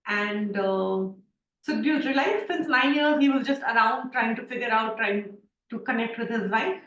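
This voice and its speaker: A woman's voice: fairly high pitch, moderate pace, fairly bright tone, recorded from a distance, dull audio, slight background noise. A woman teaching an online class, telling stories with lots of fillers, heard over a video call. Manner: chatty storytelling with many fillers. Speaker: class facilitator. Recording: roomy, off-mic video call.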